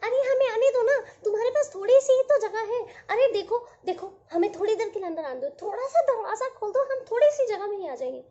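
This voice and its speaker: A woman voicing a crowd of tiny childlike raindrops who plead in quick, high, eager voices, for a children's storybook tale. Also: lively intonation, warm tone. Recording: dull lo-fi audio.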